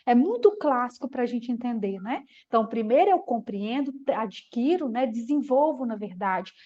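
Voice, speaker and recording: A woman with a high voice gives an explanatory online talk to teachers. She checks in with her listeners often and slows to a crawl when she breaks a word into syllables. The stream audio is dull and lo-fi. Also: a little mellow. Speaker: teacher educator. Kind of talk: live online lecture.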